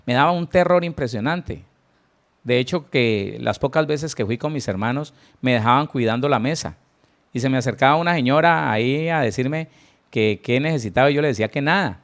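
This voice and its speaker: Earnest male pastor teaching. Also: medium pitch. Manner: earnest, repeats key words, frequent restarts and fillers; addresses listeners directly with rhetorical questions. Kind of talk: Bible teaching sermon.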